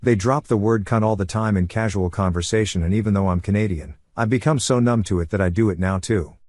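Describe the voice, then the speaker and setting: A man reading online forum comments aloud in an even, matter-of-fact way as the narrator of a compilation. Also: lowish voice, fairly quick, no echo.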